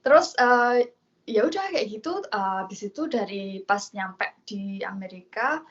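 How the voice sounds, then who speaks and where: A young woman from Indonesia telling her story as an interview guest, pausing with many fillers and acting out quoted lines. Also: mid-range voice, lively intonation, highs cut off. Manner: hesitant, many fillers, acts out quoted dialogue.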